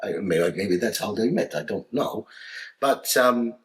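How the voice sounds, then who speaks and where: A man co-hosting a family travel vlog, telling stories and jokes in a playful, deadpan way. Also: fairly low pitch, a little slow. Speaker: co-host, joke teller. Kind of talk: casual chat and joke telling.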